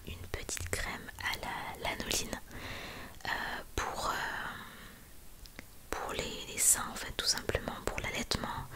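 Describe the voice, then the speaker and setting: A young adult woman speaking in a hushed, library-quiet whisper, presenting items in a soft ASMR style. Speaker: ASMR video creator.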